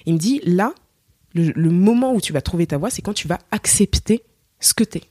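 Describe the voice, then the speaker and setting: A young woman from Cameroon, a singer, chatting as a podcast guest and telling her story with lively acted-out quotes and many fillers. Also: on the low side, moderate pace, dry recording, studio quality. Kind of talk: casual interview chat.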